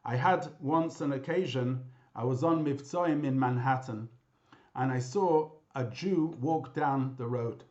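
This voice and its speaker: A man, a rabbi, giving a memorial talk with lively storytelling, mixing in Hebrew and Yiddish terms, heard over a video call. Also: medium pitch, unhurried, dull audio. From Britain.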